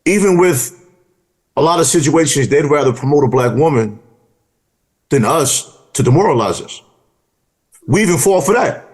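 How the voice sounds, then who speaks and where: Co-host, man, slightly high and animated voice, emphatic. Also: moderate pace, long pauses. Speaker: podcast co-host. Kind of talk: casual podcast chat.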